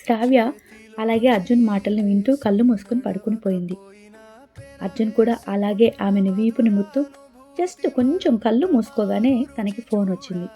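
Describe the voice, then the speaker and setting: A woman narrating a romance audio story in a steady, dramatic storytelling manner. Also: on the high side, moderate pace. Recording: dull lo-fi with faint music.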